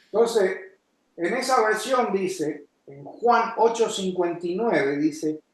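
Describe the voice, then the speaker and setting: A pastor delivers his sermon in a high voice, slowly and deliberately, firing questions at his congregation. Now and then he bursts into shouted emphasis. The sound rings through a very echoey church. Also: lively intonation. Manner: preaching with sudden shouted emphasis.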